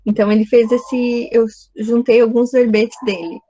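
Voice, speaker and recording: A woman's voice: fairly high pitch, level tone, moderate pace, mellow, lo-fi sound. A woman teaching a recorded video lesson, explaining step by step and often checking in with the class.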